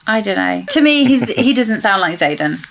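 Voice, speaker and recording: A woman's voice: a little high, big pitch swings, normal speed, a bit bright, poor audio. A woman co-hosting a casual book discussion, chatty and speculative, often correcting herself mid-sentence. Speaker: podcast co-host.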